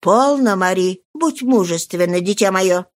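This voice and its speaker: A woman voicing an old female servant, speaking low, soft and slow in a soothing way. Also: expressive, no echo, lightly acted. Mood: consoling.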